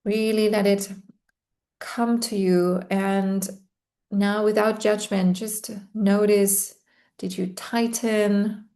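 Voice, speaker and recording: A woman guiding a relaxation meditation in a slow, soothing way, with long pauses between phrases. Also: medium pitch, little pitch movement, dark tone. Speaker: meditation guide. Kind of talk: guided meditation.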